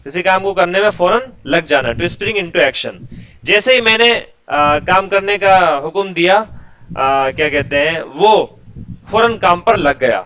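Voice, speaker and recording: Male teacher, bright slow explaining. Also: high-pitched, expressive, rough recording. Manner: slow dictation-like word-by-word explanation; asks rhetorical questions then answers. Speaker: English teacher. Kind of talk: vocabulary lesson with translations.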